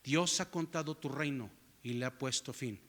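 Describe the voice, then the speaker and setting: A man's voice: mid-range voice, moderate pace, a bit bright, big-room sound. A male pastor giving a sermon in a church, often asking the congregation rhetorical questions to keep them following. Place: church sanctuary.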